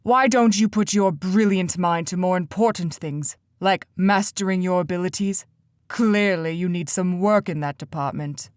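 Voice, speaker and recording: A woman voicing a stern, cold male council leader who talks in a sharp, commanding way, in an audiobook. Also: fairly low pitch, normal speed, smooth, no echo, clean studio sound, lightly acted. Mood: icy.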